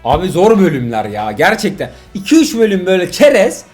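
A middle-aged father plays a mobile driving game with his son, commenting casually, joking constantly and swinging between excitement and exasperation. He has a high voice and talks fairly quickly, with soft music in the background.

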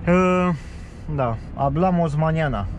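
A man talking casually while he drives his truck, chatty and swearing freely at other drivers. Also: fairly high pitch. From Romania. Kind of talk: casual driving vlog. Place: truck cab on the road. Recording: loud road noise in a truck cab. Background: loud engine and road noise.

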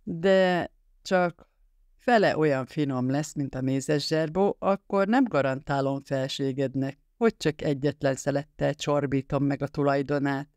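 A joking grown man from an audiobook who bows and banters in mock-formal speech as a male narrator voices him. He sits a little above the reader's usual pitch. The recording is dry and close. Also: a little mellow, no echo, close to an everyday voice. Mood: playful.

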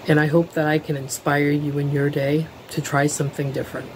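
A middle-aged woman talks casually to a webcam in her living room. She sounds earnest and a little nervous, filling pauses with "um", while a faint air conditioner hums behind her. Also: deep voice, flat delivery, slight background noise, poor audio. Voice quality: lisp. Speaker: vlogger. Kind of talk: casual talk to camera. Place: living room at home, indoors. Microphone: webcam at desk, close framing.

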